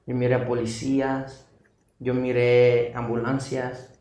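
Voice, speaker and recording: A man's voice: medium pitch, flat delivery, slow pace, warm tone. A young man giving an earnest personal testimony, recounting events vividly with repetition. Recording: distant echoey room mic.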